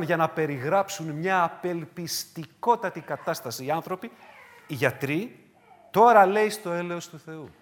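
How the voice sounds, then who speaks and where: A man preaching a sermon in a high voice. His pitch leaps and dives widely as he moves from ringing cries to hushed, low phrases. He presses his points through repeated rhetorical questions. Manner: repetitive, emphatic rhetorical questions.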